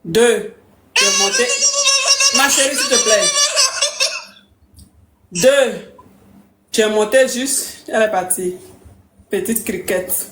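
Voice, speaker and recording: A woman's voice: fairly high pitch, very animated, slow pace, pauses often, very noisy. A woman playing a brash, imperious coach who mocks callers and threatens to block them on a live stream. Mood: scolding. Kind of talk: comic live-stream parody. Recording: roomy echo.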